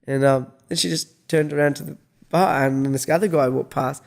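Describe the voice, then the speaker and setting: Telling a story in a relaxed monologue, a middle-aged Australian vlogger rambles, swears, restarts frequently, and performs the dialogue himself. He speaks at a moderate pace in a fairly high, steady voice that is gravelly with a darkish tone.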